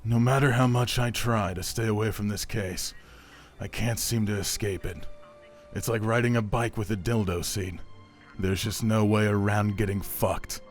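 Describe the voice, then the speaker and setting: A man's voice: fairly low pitch, normal speed, soft background music, close to an everyday voice. A man playing a brooding plumber detective. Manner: deadpan noir-style inner monologue. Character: jaded male plumber turned detective, brooding. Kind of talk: amateur comedy film dialogue.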